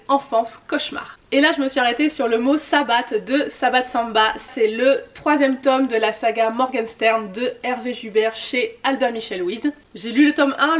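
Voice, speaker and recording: A woman with a fairly high voice hosts a book video, rattling through themes and titles. She talks casually and chattily, and her voice drops away at the end of each listed word. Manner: lists keywords in a trailing tone. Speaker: booktuber. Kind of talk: reading list video.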